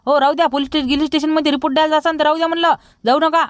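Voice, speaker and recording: A man's voice: extremely high pitch, level tone, no echo, studio quality. A man with a Vidarbha Marathi accent playing a broke village man who scolds everyone in a rustic comedy sketch. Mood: scolding. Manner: scolding, rapid and loud.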